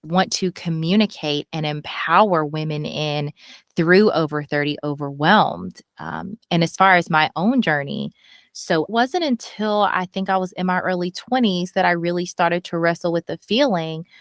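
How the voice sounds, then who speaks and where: A woman's voice: on the low side, moderate pace, no room sound, studio quality. A woman in her thirties speaking as a podcast guest, earnest and candid, animating her story by acting out what people told her. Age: 30s. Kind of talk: candid conversational interview.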